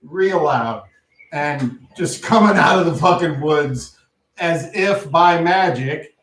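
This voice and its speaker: A man's voice: fairly high pitch, slow, fairly bright tone, distant mic. A man narrating a tabletop game casually as game master. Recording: echoey room, off mic, faint noise.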